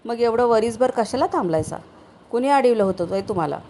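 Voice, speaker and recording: A woman reading a story aloud and voicing a sharp-tongued village wife who scolds her husband with quick questions. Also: a little high, lively intonation, slight background noise. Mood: scolding.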